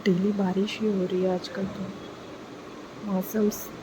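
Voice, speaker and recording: A young woman chatting casually at home in a vlog, talking slowly and softly as she wakes up. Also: mid-range voice. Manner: sleepy, slow and soft-spoken. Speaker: vlogger. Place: dim home at morning. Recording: steady background noise. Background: rain.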